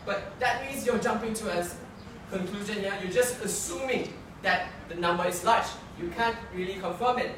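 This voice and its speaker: A young student debater, not a native English speaker, gives an earnest, argumentative competitive debate speech, often correcting himself and restarting phrases. His high voice moves at a moderate pace. A distant mic records him in a very echoey room with clear background noise.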